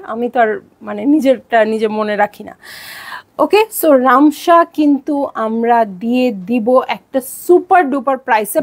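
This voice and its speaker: A young Bangladeshi woman selling dresses on a live stream, chatty and bubbly, often slipping in English words. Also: high-pitched. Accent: Bangladeshi Bengali. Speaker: online clothing seller.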